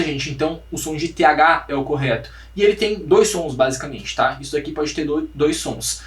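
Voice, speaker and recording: A man with a Brazilian Portuguese accent leads an online pronunciation lesson, his voice slightly high for a man. He explains patiently and says each word several times for students to repeat. The sound is roomy and echoey, picked up from a little way off the mic. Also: fairly bright tone. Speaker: English pronunciation teacher. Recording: echoey room, voice a bit far from the mic.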